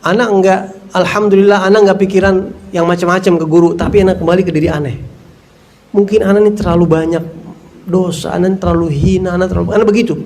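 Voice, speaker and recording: A male religious teacher whose voice sits a little higher than most men's. He gives a religious talk built around personal stories, speaking casually and with feeling. He acts out the scenes he recalls. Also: darkish tone. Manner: casual, heartfelt, acts out scenes and recites verses.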